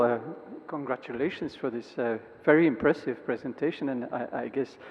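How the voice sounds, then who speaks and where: Slow, halting man asking a question. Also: mid-range voice, a little hiss or hum. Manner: halting, many uhs and ums. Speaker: audience member asking a question. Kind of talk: conference Q&A remark. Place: large conference hall. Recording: dull sound with long hall reverb.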